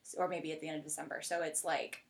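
Speaking quickly in a low, gravelly voice with a level tone, this woman hosts a podcast and chats informally with a guest. "Like" crops up all the time in her casual talk.

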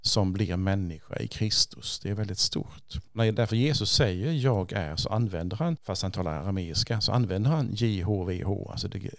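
A man, a priest and Bible teacher, explaining scripture as a podcast guest, thoughtful and slow with pauses and repeats. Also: sits low, lively intonation, no room sound.

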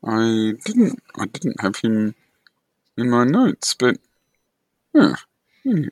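An Australian man co-hosting a casual sports discussion on an online call, measured and hesitant as he searches for words. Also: mid-range voice, big pitch swings, a little mellow, no echo. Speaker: sports podcast co-host. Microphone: online call microphone.

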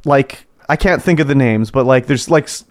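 A man's voice: medium pitch, moderate pace, no room sound, studio quality. A man, co-hosting a podcast and telling a casual story about his office, acting out what his coworkers said. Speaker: podcast co-host. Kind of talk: casual chat.

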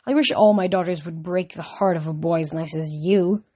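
A woman voicing Aphrodite, a vain, flirtatious goddess of love who speaks in a slow, gushing, dismissive drawl. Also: on the low side, mellow, husky. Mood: doting. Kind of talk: audiobook reading.

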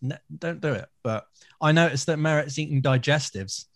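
A man's voice: a little high, moderate pace. A man with a British accent co-hosting a podcast, chatting informally about music with plenty of banter. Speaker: podcast co-host. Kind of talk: casual chat, music discussion.

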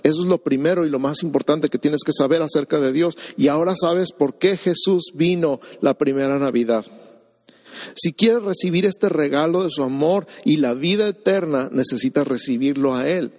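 A man's voice: fairly high pitch, moderate pace, darkish tone. A man preaching a sermon and leading a prayer, earnest and emphatic with lots of repetition. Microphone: video recording. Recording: long hall reverb.

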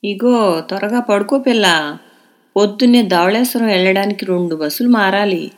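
A woman voicing a bossy, scolding old village grandmother in an audio novel, nagging in a drawn-out tone. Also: medium pitch, voice pushed up, natural voice.

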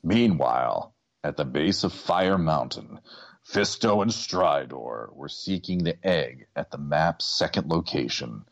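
Deep, dramatic male storybook narrator. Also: expressive, measured pace. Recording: dull lo-fi recording.

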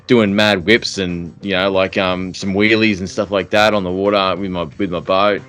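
A man's voice: sits low, little pitch movement, normal speed, a bit bright, faint music behind. A man chatting casually as a fishing podcast host, in a laid-back, slangy way. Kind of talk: casual chat.

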